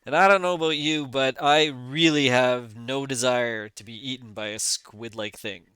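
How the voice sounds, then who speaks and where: A man voicing a gruff, cagey male dwarf shopkeeper in a tabletop game, talking in wary, conspiratorial asides. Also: medium pitch, fairly even intonation, normal speed, pushed and bright, no room sound, lightly acted.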